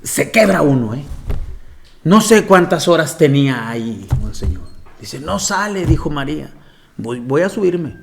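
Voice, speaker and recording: Man telling stories, slightly high. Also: sing-song, unhurried, creaky, a little hiss or hum. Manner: storytelling with frequent laughter. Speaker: monsignor giving a lecture. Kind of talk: anecdotal lecture.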